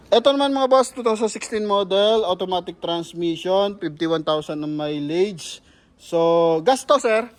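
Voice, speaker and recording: A man with a Filipino accent giving a casual walkaround sales pitch on a car lot, chatting to viewers and calling them "boss". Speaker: used car sales presenter.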